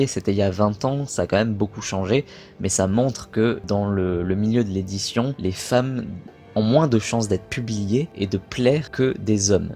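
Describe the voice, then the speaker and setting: A young man from France speaks to his viewers in a relaxed, chatty way, sometimes correcting himself mid-sentence. His voice sits on the low side. A soft music track plays faintly beneath him. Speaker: video creator. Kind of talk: casual talk to camera.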